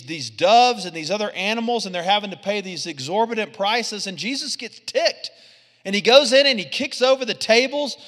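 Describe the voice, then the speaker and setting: A man preaching a lively sermon, swinging from loud punches to quiet asides. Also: sits high, in a large hall. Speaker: pastor.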